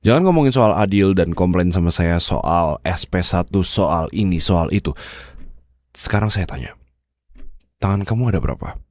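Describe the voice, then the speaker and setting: In an ASMR roleplay monologue to the listener, a man plays a deep-voiced, bossy Indonesian boss with a darkish tone and no room sound. Sardonic and demanding, he fires rhetorical questions at the listener, then softens into bribing his manager.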